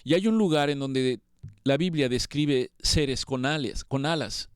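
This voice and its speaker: A man's voice: mid-range voice, unhurried, clear, resonant tone, dry recording, clean studio sound. A man preaching a sermon, earnest and building to emphatic appeals.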